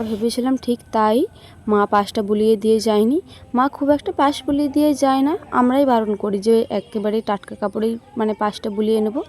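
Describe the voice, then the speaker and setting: A woman's voice: medium pitch, warm tone. A woman vlogger chatting casually to viewers about her day, sounding tired. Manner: chatty, addresses viewers directly. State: tired, sore legs. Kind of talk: casual vlog narration.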